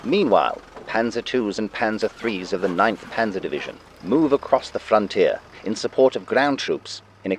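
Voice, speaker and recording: A man with a fairly low voice narrates in the style of a wartime newsreel. His delivery is scripted, dramatic and declarative, set over clear background music. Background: music under the narration.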